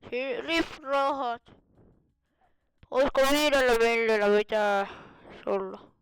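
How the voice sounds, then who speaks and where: A woman's voice: a little high, clear, resonant tone, dry recording, poor audio. A woman giving casual, rambling gameplay commentary, thinking aloud as she plays. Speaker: gamer.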